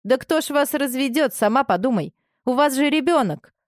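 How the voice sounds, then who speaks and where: A woman reading aloud as a domineering middle-aged mother, pitched noticeably higher than the reader's own voice and full of indignant, scolding questions. The sound is dry and close. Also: animated, moderate pace, no room sound. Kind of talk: audiobook character reading.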